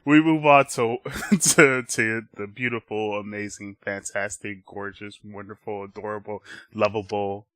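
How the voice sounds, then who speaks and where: A man's voice: lowish voice, steady tone, measured pace, few pauses, a bit bright, no echo. A young man co-hosting a podcast, casually rambling through an episode recap and acting out characters' lines in playful voices. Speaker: podcast co-host.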